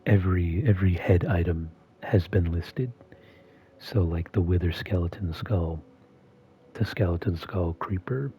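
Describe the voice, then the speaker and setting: Soft-spoken deep-voiced man, half whispered. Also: measured pace, lo-fi sound. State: slightly strained voice. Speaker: video host. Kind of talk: soft-spoken ASMR-style commentary.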